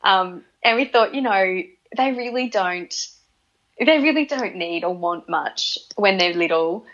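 A woman's voice: medium pitch, expressive, a little slow, a bit bright. Australian woman repeating words, slightly dull audio. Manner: often repeats words and restarts phrases as she thinks aloud. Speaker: interview guest, parent. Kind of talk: relaxed conversational interview.

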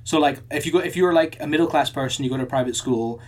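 Chatty male podcast host, halting restarts. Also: a little high. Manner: thinks aloud with many restarts and repeated words. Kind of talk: casual chat.

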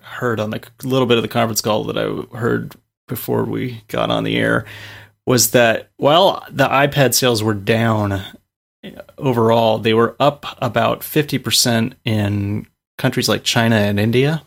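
A man guesting on a casual tech podcast, low-key with wry, dry asides. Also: steady tone, normal speed, gravelly.

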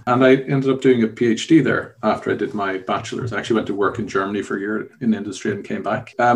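A man's voice: on the low side, vocal fry. A middle-aged man from Ireland with an Irish accent, a guest in a casual interview, explaining his past at length with frequent restarts.

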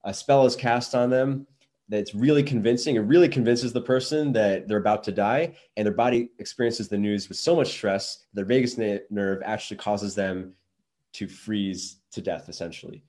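Young guy with a lowish voice rambling on his podcast, lots of um and restarts. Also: normal speed, a little mellow. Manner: rambling, many restarts and fillers. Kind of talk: casual solo talk.

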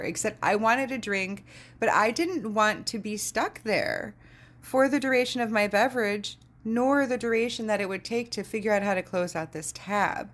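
A woman on her own podcast tells a story in a loose, sardonic monologue. She jumps into exaggerated voices, swears freely and laughs often. Her voice sits at an ordinary middle pitch. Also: fairly bright tone. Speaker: podcast host.

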